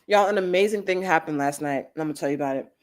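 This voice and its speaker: A woman, hosting a live chat show and telling casual stories with big swings in pitch. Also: rapid-fire. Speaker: host. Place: Los Angeles.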